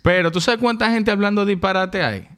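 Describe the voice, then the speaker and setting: A young man with a Dominican Spanish accent, talking in loud, crude, teasing banter. His voice sits a touch higher than most men's. It is loose, casual podcast chat among friends. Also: a little fast, smooth.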